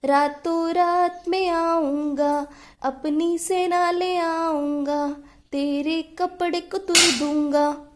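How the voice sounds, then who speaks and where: A cheeky little male mouse, bold and demanding, as a woman storyteller puts him on. He chants his threats in a slow sing-song, in a high voice. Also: darkish tone, a little hiss or hum, natural voice.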